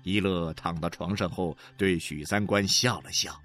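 A man's voice: deep voice, fairly even intonation, moderate pace, a bit bright. A man narrating a literary novel as an audiobook, dramatic and emotionally varied, with faint music behind.

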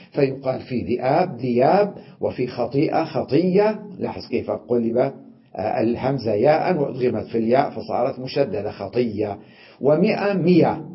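A sheikh teaching an Arabic grammar lesson, explaining patiently, often asking "tamam?" and repeating example words slowly with drawn-out fillers. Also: male voice, medium pitch. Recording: muffled lo-fi lecture recording.

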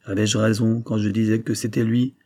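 A man's voice: on the low side, little pitch movement, normal speed, mellow, lightly acted. A man reading aloud as a distraught middle-aged banker who speaks in an emotional, pleading way. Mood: urgent, anguished.

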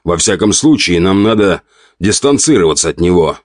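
A man's voice: sits low, expressive, normal speed, dry recording, studio quality. A man reading an audiobook, voicing a rude, irritable count in his forties who growls and mocks his wife. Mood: irritated. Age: 40s. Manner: gruff, snapping, mocking.

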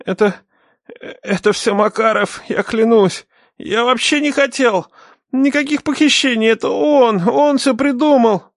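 A frightened middle-aged captive, as a male narrator puts him on, stammering and pleading in a high, strained voice. His words tumble out in a panic. It sounds like a close, dry audiobook recording with no room echo. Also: measured pace, full character voice. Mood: panicked pleading.

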